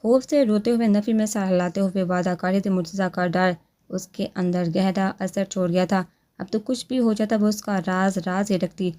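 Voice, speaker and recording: A woman narrating a romance novel in a steady storytelling manner. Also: mid-range voice, moderate pace.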